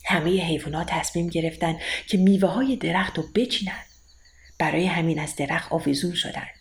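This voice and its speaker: A woman telling a children's bedtime story in a gentle, even read-aloud manner. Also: fairly low pitch.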